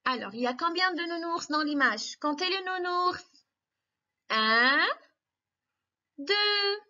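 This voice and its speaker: A woman teacher giving slow, clear lessons to young children, patient and encouraging as she spells out each step. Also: very high-pitched, lively intonation, bright, forceful tone, highs cut off.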